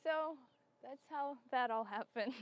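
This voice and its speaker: A young woman recounts a personal story in a casual, rambling way. Her voice sits slightly high, and she fills gaps with fillers, restarts and little laughs. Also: slow pace. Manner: chatty, laughs often, many fillers and restarts. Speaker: bride telling her proposal story.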